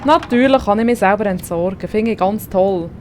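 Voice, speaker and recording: A woman's voice: mid-range voice, moderate pace, a little mellow, slight background noise. A woman with a Swiss German accent commentating a video game, chatty and swearing at the character on screen. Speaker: gaming streamer. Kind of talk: let's play commentary.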